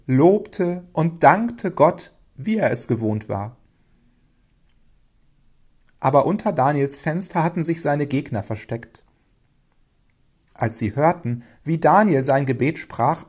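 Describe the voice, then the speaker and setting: A man reading a children's storybook aloud, lively and expressive. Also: fairly high pitch, slightly rough. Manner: expressive, lively, acts out dialogue.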